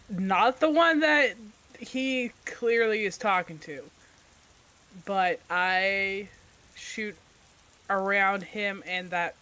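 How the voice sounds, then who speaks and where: A tabletop player with a bright, sharp voice who talks slowly, describing their character's moves and cracking crude jokes between rolls. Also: medium pitch, low-quality recording. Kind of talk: tabletop game play.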